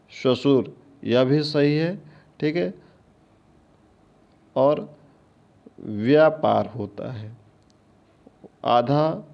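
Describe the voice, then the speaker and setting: Slow gravelly guy teaching a test-prep lesson, says each word over and over, muffled lo-fi recording. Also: mid-range voice. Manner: repeats each answer word several times; keeps checking in with a rising "ठीक है". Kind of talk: exam-prep lecture. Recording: dull lo-fi lecture recording.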